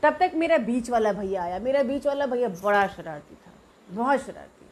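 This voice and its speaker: A middle-aged woman from Bihar, telling childhood memories in a lively, animated way. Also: a little high, moderate pace. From Bihar, India. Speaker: storyteller. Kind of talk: personal childhood storytelling.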